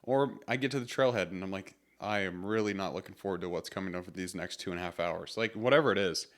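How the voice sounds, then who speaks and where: A man with a deep voice talks fast while hosting his own motivational podcast alone. His speech is casual and rambling, full of fillers and restarts, and his voice sounds congested from a cold.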